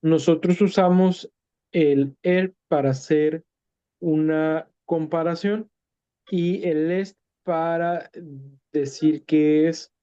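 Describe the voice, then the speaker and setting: A man walks through an English lesson in Spanish, speaking slowly and patiently, repeating and translating each word. His voice is soft and mellow, full of hesitations and small corrections. The recording sounds dull and lo-fi. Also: fairly high pitch, steady tone, clear, resonant tone. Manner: many hesitations and self-corrections. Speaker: English teacher.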